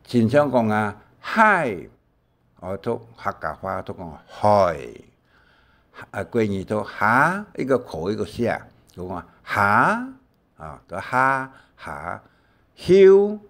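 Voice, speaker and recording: An older man giving a slow language lesson, drawing out his explanations with many fillers. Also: on the low side, big pitch swings, fairly bright tone. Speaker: teacher.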